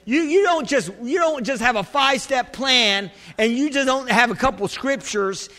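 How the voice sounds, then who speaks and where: A male pastor delivers an emphatic, exhorting sermon in a very high-pitched, bright and forceful voice. He restarts and repeats phrases as he presses his point and prompts the congregation for amens. Long hall reverb trails his words. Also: moderate pace. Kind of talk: church sermon.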